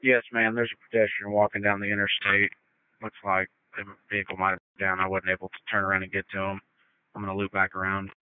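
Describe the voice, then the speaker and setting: Male fire chief over a radio; fast, flat delivery, narrow scanner sound. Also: low voice, smooth, no room sound. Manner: terse, procedural, speaking over a radio. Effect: voice over a two-way radio. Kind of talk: fire department radio dispatch traffic.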